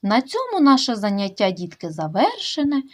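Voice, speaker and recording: A young woman teaching a kindergarten literacy lesson, addressing small children and splitting words into syllables with slow emphasis. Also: on the high side, huge pitch swings. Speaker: preschool teacher.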